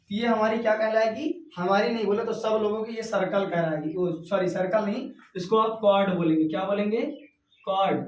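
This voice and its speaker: A man's voice: high-pitched, distant mic. Man teaching in an echoey room. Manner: repeats terms as questions and answers them. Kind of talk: whiteboard math lesson.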